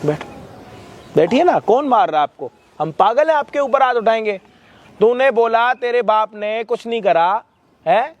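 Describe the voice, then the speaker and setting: A man's voice: very high voice, expressive, unhurried. A male host staging a street confrontation, scolding and mocking with abusive words.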